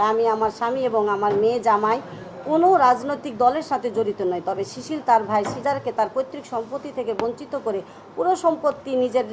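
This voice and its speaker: Fast, high-voiced Bangladeshi woman. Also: darkish tone, a little hiss or hum. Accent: Bangladeshi Bengali. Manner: emphatic, agitated retelling. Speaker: press conference speaker. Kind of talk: reading a statement, then answering questions.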